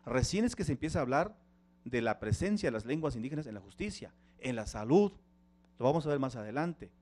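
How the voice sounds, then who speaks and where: A man's voice: mid-range voice, very animated, fairly quick, darkish tone. A middle-aged man whose first language is Tzeltal, giving a conference talk and drawing the audience in with questions. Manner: engaging, asks the audience questions. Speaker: panel speaker. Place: conference hall.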